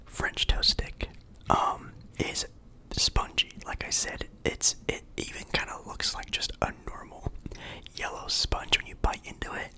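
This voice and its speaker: A man's voice: measured pace, bright, forceful tone. A young man whispering casually as an ASMR creator, chatting about food between bites.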